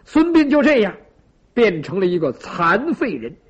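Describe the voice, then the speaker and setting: Animated husky storyteller man. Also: high voice, moderate pace. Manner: dramatic, vivid with sound effects and asides to listeners. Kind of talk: traditional pingshu storytelling. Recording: lo-fi dull recording.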